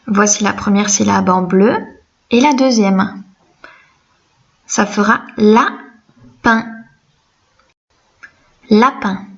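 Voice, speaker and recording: A woman teaching a reading lesson to young children, slow, gentle and encouraging. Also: mid-range voice, creaky, muffled recording.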